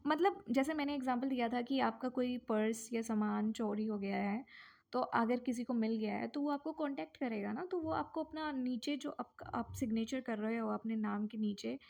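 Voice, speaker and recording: A woman teacher explaining exam writing formats in a lesson, asking questions and answering them herself, slowing down on key phrases. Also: high-pitched, vocal fry. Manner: slows down reading English phrases. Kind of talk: explaining lesson in mixed Hindi and English.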